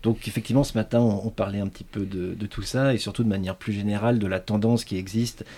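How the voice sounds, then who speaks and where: Gravelly-voiced man hosting a podcast. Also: on the low side, steady tone, fast, warm tone. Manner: moderating, introducing topics and asking questions. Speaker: podcast host. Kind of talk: casual podcast discussion.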